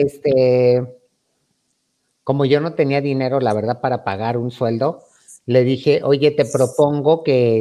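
A man's voice: mid-range voice, warm tone. A man with a Mexican accent telling a playful, chatty story to his audience, acting out the quoted lines. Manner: chatty, playful, campy, calls the audience "hermanitas". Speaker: YouTuber host. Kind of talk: storytime monologue.

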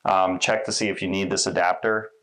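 Man, 30s, lower voice, easygoing how-to demo in a small laundry room. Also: a little fast. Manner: relaxed, conversational, with fillers. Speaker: installation demonstrator. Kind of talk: casual how-to walkthrough.

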